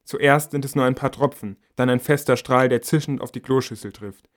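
A man narrates a novel in the first person as an audiobook reader. His voice sits at a middle pitch, and his reading stays measured, quiet and intimate.

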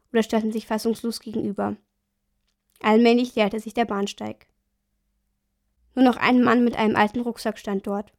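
A woman reading a story aloud in a calm, even storytelling manner. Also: on the high side. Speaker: audiobook narrator. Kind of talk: scripted storybook narration.

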